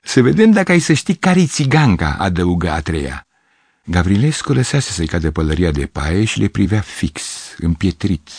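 A man narrating a literary story as an audiobook, measured and expressive. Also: low voice, slightly rough, dry recording, clean studio sound. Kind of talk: audiobook reading.

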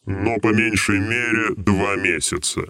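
A stern, brooding shadow king homunculus for an audiobook, low and grave. He speaks slowly and heavily. The sound is dry and close to the mic. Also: sharp tone, smooth, no room sound. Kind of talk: audiobook role.

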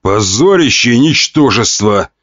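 A man's voice: mid-range voice, expressive, unhurried, fairly bright tone, dry recording, muffled recording, voice pushed up. A man voicing a stern scornful old duke. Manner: harsh, scornful, mocking. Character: stern powerful male duke, a father scolding his son.

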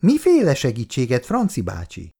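A man voicing a proud, easily upset young woman in a read-aloud story who bursts out indignantly, pitched high. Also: wildly swooping pitch, creaky, dark tone, slightly rough, exaggerated voice. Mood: wary. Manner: indignant outbursts.

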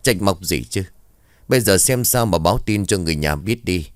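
A grave, fatalistic village elder speaks in a measured, commanding way, played by a man. The voice is deep, close and dry. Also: expressive, dry recording.

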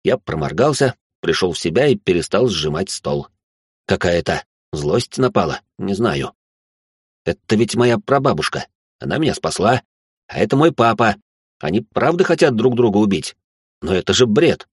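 A man narrating a first-person story in a measured storytelling manner. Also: lowish voice, very animated, breathy edge, no room sound, studio quality.

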